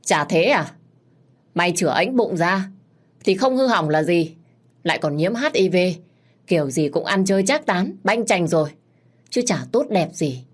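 A woman reading a story, voicing a spiteful elderly female noodle-seller who scolds in a shrill, scornful manner. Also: animated, normal speed, pauses often, slightly rough. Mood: berating.

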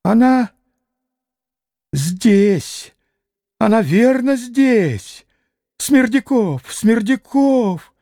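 A man voicing a frantic, shrill old father who squeals and cries out in a breathless, drawn-out way. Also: lively intonation, mellow, no echo, clean studio sound, full character voice. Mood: hoarse urgency. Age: older. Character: frantic shrieking old father, lecherous and fearful.

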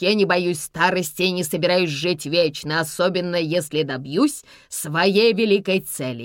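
Lady doing a nasty older bad guy, lower voice, sneering and barking, dry close sound. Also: dry recording, lightly acted. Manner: mocking, threatening, barking. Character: ruthless older man, menacing villain with a revolver.

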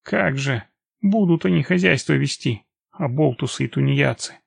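A man's voice: high voice, very animated, moderate pace, gravelly, husky, no echo, pitched above the performer's own voice, exaggerated voice. A man voicing a nosy elderly village woman who grumbles and sounds suspicious, in an audiobook reading. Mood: nosy, indignant.

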